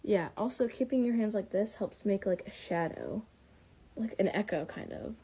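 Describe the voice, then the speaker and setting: A woman's voice: mid-range voice, expressive, moderate pace, warm tone, slightly rough. A woman giving a casual tutorial through a mask, apologetic and self-deprecating. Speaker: tutorial maker. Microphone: speaking through a mask.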